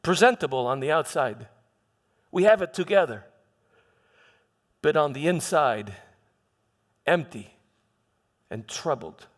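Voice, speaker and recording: This church dramatist's pitch is fairly high and expressive as he voices a troubled Roman governor telling of his past. His first-person monologue is halting, grave and reflective, with repeated words and pauses for emphasis, all captured in an echoey hall with long reverb.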